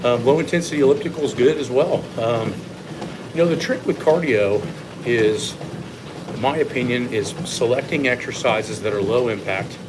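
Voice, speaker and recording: A man who coaches fitness, talking casually to livestream viewers in a measured, opinionated way while walking on an incline treadmill. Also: mid-range voice. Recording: loud steady treadmill machine noise. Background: treadmill running noise.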